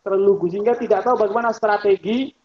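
A man giving a religious study lecture on economics. He talks in a lively, rhetorical way, addresses his listeners directly, and mimics the people he quotes. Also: sits high, racing. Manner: mimics other people's voices when quoting them. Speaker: Islamic scholar and lecturer. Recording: muffled lo-fi lecture recording.

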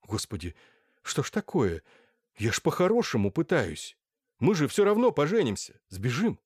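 A man's voice: on the high side, wildly swooping pitch, moderate pace, slightly rough, no room sound, studio quality, pitched above the performer's own voice, heavily acted. A man voicing an earnest, pleading young man in love in an audiobook. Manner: earnest, imploring. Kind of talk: audiobook character voice.

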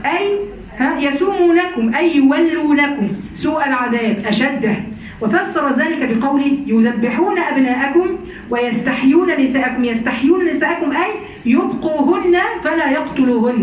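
A woman's voice: high voice, slight background noise. A woman with an Egyptian accent giving a religious lesson to women, asking her class rhetorical questions. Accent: Egyptian Arabic. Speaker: Quran commentary teacher. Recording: echoey room, distant mic.

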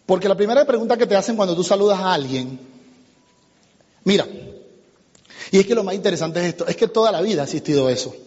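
A man giving an animated motivational seminar talk as a business trainer, addressing the audience and acting out conversations. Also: high voice, fast, long pauses. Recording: muffled lo-fi recording in a reverberant hall.

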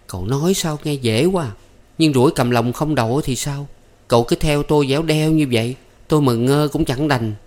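Man doing a timid young servant girl, raised pitch, pleading, audiobook. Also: moderate pace, darkish tone, natural voice. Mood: flustered. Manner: pleading, flustered, coy protests. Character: young female servant girl, shy and anxious. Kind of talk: audiobook character voice.

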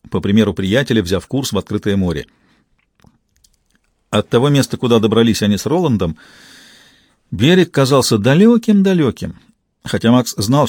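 Calm male audiobook narrator. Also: fairly low pitch, dry recording, clean studio sound. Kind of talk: scripted narration.

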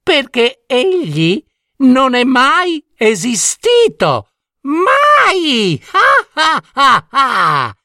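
A man's voice: wildly swooping pitch, extremely slow, pushed and bright, dry recording, studio quality, full character voice. A man playing a cackling wicked witch queen. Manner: cackling, mocking, shrill.

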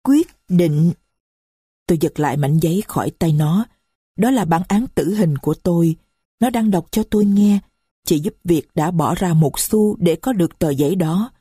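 A woman's voice: lowish voice, moderate pace, warm tone, husky, no room sound, studio quality. A woman narrating a first-person story in a somber, grieving, reflective way.

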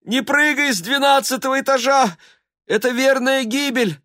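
A man doing a desperate, high female cat. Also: moderate pace, sharp tone. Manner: crying out, desperate. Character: frightened female cat, the hero's beloved.

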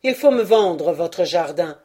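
A woman reading aloud and voicing an arrogant, drunken young lord who speaks in a loud, insulting, domineering way. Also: lowish voice, lively intonation, takes it slowly. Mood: scornful.

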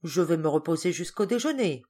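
A woman's voice: on the low side, lively intonation, brisk, warm tone. A woman reading aloud and voicing a frightened, guilty young man who stammers and dodges. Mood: flustered. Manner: flustered, stammering.

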